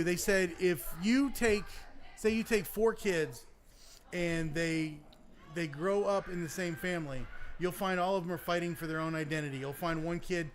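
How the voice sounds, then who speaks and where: A man's voice: high-pitched, slight background noise. A man co-hosting a casual green room chat, telling a personal story and chiming in eagerly. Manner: chatty, eager backchannelling. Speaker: co-host. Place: comedy club green room.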